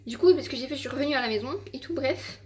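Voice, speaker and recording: This is a casual vlog: a teenage girl at home, phone in hand, filling her rambling, exasperated tale with "likes" and curse words. She talks quickly in a high voice.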